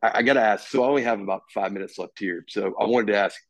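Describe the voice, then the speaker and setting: A man's voice: on the low side, dry recording. A man co-hosting a sports podcast, talking casually with lots of restarts and fillers. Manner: halting, many restarts and fillers. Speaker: podcast co-host.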